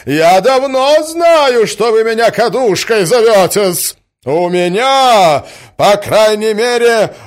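Man doing a shrill squealing provincial lady. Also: heavily acted. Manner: indignant, adds a servile -s to words.

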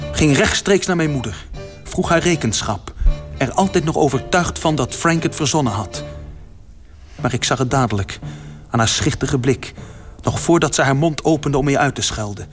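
Dramatic and swelling in its louder moments, a man's mid-range voice reads aloud a first-person literary story as narrator.

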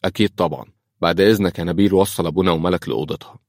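A man's voice: low-pitched, rapid-fire, darkish tone, no room sound, clean studio sound. A man playing an earnest Egyptian clinic doctor. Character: worried male clinic director, doctor.

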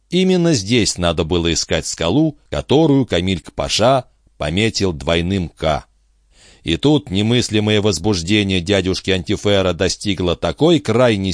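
A man narrating an adventure novel in a steady, expressive reading style. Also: lowish voice, no echo, studio quality. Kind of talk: audiobook narration.

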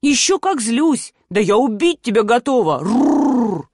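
A woman's voice: mid-range voice, very animated, a little mellow, no echo, studio quality. A woman voicing a fiery young woman friend. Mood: indignant. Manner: emotional, indignant, quick to anger and forgive.

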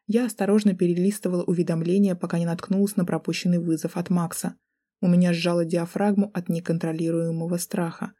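A woman's voice: fairly low pitch, flat delivery, fast talker, dark tone. A woman narrating a first-person novel as an audiobook, reading in a tense, dramatic way.

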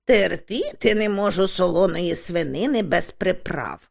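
Woman doing a brisk cheerful old witch. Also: fairly low pitch, expressive, gravelly, a little mellow.

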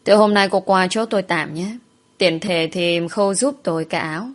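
A woman's voice: lowish voice, normal speed, close to an everyday voice. A woman voicing a male palace secretary who is easygoing and teasing, with a light, reassuring manner.

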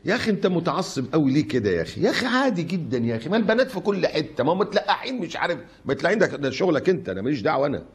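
A man's voice: fairly high pitch, sing-song, rapid-fire, hardly any pauses. A man putting on the voice of a young man who dismissively brushes off rules. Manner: dismissive, whiny pleading.

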